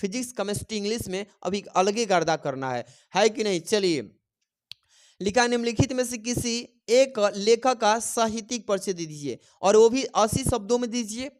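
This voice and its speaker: Tutoring for a Hindi exam, a man with a high-pitched voice and lively intonation speaks at a moderate pace. He asks questions, supplies the answers himself, and repeats the important points so students can note them down.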